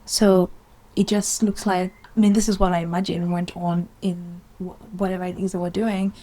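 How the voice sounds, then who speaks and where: Husky-voiced woman ranting casually. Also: fairly low pitch, level tone, normal speed, dark tone. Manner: chatty, opinionated, rambling with asides. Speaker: video essayist. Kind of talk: casual opinion vlog commentary.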